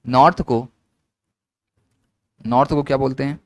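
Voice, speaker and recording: A man's voice: mid-range voice, fairly even intonation, measured pace. Man drilling a lesson with repeated questions. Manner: repetitive question-and-answer drilling. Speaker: teacher. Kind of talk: classroom lesson explaining at a whiteboard.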